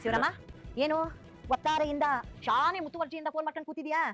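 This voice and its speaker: An outspoken, teasing woman of the household. Her voice is very high and she talks at great speed, with music behind her. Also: quick pace, fairly bright tone. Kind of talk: TV serial acting. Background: background music score.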